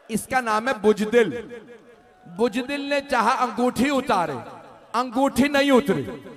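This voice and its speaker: Brief: male preacher, mourning sermon, high for a man, slow and drawn out, tearful, cries out in anguish. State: worn out and tearful. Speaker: preacher reciting a mourning narrative.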